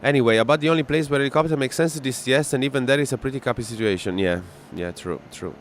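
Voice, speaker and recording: Chatting with his live-stream audience while flying a simulator, this Italian man races along in a medium-pitched voice, answering messages and laughing freely. There's music behind him and a bit of background noise.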